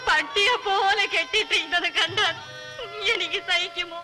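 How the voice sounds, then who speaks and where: A woman's voice: very high voice, normal speed, over music. An actress playing a wronged, grieving young village woman who speaks earnestly and near tears, on an old film soundtrack. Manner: earnest, tearful. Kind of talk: 1960s film acting. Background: film score.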